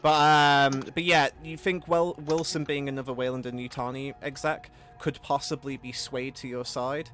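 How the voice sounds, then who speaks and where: Male game master, relaxed and rambling, mid pitch. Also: normal speed, hardly any pauses, faint music behind. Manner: casual, rambling with restarts. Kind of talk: narrating a tabletop game.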